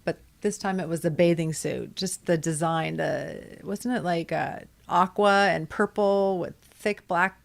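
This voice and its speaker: A woman's voice: on the low side, steady tone, a little slow, creaky, few pauses. A woman co-hosting a casual rewatch podcast, chatty and given to laughing and trailing off mid-thought. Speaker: podcast co-host.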